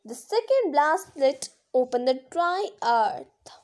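Female storybook reader, high pitch, slow and careful, occasionally tripping on words. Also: sing-song, darkish tone. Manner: careful reading with occasional stumbles and self-corrections. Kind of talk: reading a children's story aloud.

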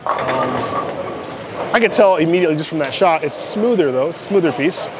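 Amid the clatter and ambience of a big indoor bowling alley, a middle-aged American man shows off and reviews a product casually, speaking in short conversational bursts. He sounds animated and brisk, with a voice on the high side.

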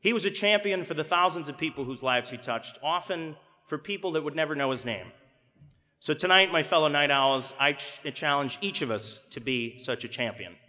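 Rousing young man at an arena podium. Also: sits high. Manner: rousing oratory, rises to shouts. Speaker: student commencement speaker. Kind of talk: formal commencement speech. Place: large arena stage at a podium. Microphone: podium microphone. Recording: reverberant arena hall.

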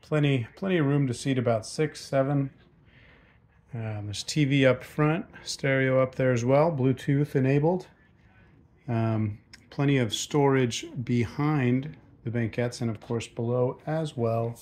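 Walking around a docked sailboat with a handheld phone, a relaxed American yacht salesman narrates a casual tour that moves from outdoors into the cabin. His voice is at an ordinary middle pitch, and he thinks aloud, filling pauses with ums and uhs.

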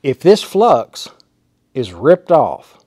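A man's voice: mid-range voice, huge pitch swings, extremely slow, warm tone, no room sound, studio quality. A man in his forties teaching welding in a small indoor workshop, talking in a folksy, emphatic way and demonstrating as he goes, on a lapel mic. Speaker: welding instructor. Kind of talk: hands-on how-to demonstration. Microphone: clip-on lapel mic.

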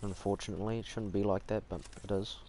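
A man's voice: on the low side, flat delivery, quick pace, warm tone. A man with a broad New Zealand accent giving casual, slangy live commentary while gaming. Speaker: gaming streamer. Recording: noisy home gaming mic.

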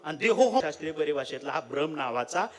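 A man preaching a devotional sermon, telling a story animatedly and swinging between loud and soft at a live temple festival. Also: fairly high pitch, expressive, quick pace.

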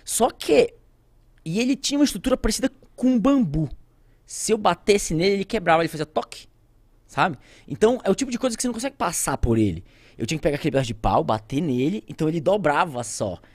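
A man with a Brazilian Portuguese accent, a podcast guest telling an emotional story with conviction, shifting from loud outbursts to near-whispers. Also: on the high side, big pitch swings, quick pace, no echo. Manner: speaks with conviction, addresses viewers directly.

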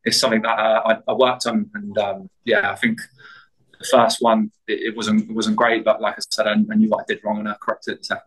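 Low, flat-voiced soccer player. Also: male voice, a little fast, rough recording. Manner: hesitant, many fillers and restarts. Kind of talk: post-match press answers.

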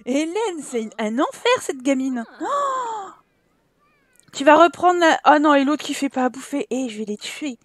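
A woman's voice: sits high, sing-song, unhurried, dry recording. A woman from France giving casual let's-play commentary, exasperated and scolding the characters in her game, often laughing. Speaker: gaming YouTuber.

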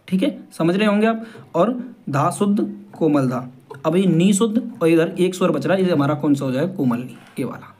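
High-voiced man teaching harmonium. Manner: patient, repeats points and asks the viewer questions. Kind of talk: casual music lesson.

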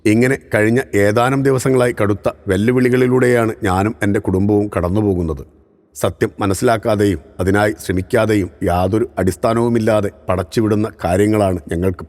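Man reading news with long reverb. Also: fairly low pitch. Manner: steady formal news reading. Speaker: news narrator. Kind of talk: scripted news narration.

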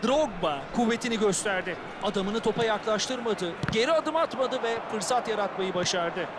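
A man's voice: sits high, lively intonation, normal speed. A man voicing an opinionated football co-commentator giving analysis in a video game. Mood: analytical. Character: opinionated male football pundit. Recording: loud stadium crowd noise throughout. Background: loud football crowd.

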